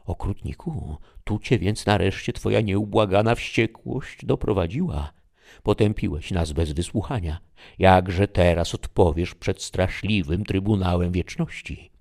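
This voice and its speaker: A man's voice: low voice, unhurried, warm tone. A man voicing a grieving noblewoman who mourns and reproaches the dead, in an audiobook. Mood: mournful. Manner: lamenting, accusing tone.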